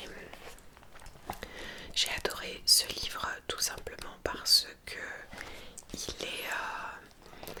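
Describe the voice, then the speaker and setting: A woman whispering softly and breathily, as in a library, in an informal, hesitant ASMR chat presenting books. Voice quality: soft, breathy unvoiced whisper.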